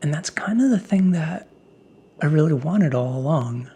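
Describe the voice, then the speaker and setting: Man, very breathy, soft half-whisper, ASMR pep talk, personal, musing. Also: a little high, expressive, moderate pace. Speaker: ASMR host.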